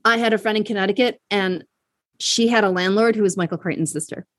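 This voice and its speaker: A woman's voice: medium pitch, fast, dry recording. A woman hosting a podcast, joking around and asking a guest questions in casual chat. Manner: playful, jokey banter. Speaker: podcast host.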